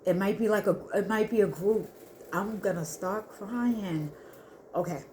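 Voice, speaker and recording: A woman giving an earnest spiritual reading to her viewers, talking haltingly with many restarts. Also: medium pitch, mellow, slight background noise. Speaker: spiritual reader. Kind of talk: intuitive spiritual reading to camera.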